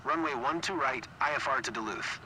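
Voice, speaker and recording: A man speaking as a pilot into a cockpit headset, giving brisk, clipped radio calls and readbacks in aviation phrasing. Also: mid-range voice. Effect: pilot talking into a cockpit headset. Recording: loud engine and cockpit noise.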